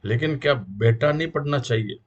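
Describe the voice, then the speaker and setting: A middle-aged man from India with a Rajasthani Hindi accent speaks as a guest preacher, making an earnest moral appeal to the community in rhythmic, repeated lists. His voice is mid-range with a breathy edge, at a moderate pace, heard through dull audio.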